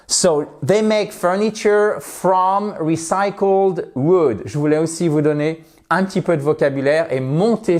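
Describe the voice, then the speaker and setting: Slow, playful man teaching English pronunciation. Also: fairly high pitch. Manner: playful, drills pronunciation with repeated words; switches between French explanation and English examples. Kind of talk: online language lesson.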